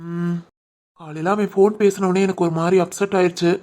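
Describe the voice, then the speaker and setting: A woman voicing a young husband and shopkeeper, teasing but caring, with a Tirunelveli Tamil accent in an animated family story. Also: a little high, fairly quick, close to an everyday voice. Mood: worried. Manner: teasing banter, turns soft and worried.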